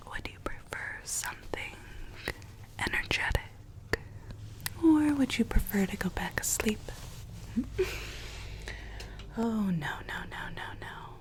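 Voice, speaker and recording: A woman playing a weary, gently coaxing Alice from Wonderland in a soft, breathy ASMR roleplay whisper. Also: fairly high pitch, lively intonation. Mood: gentle, attentive. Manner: slow, hushed, repeats words soothingly.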